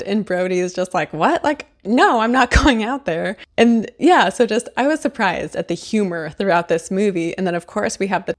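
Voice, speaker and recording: Lowish-voiced woman doing a chatty book vs movie review, lots of "like"s and little laughs. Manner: chatty, laughs often, many fillers. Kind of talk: casual review to camera.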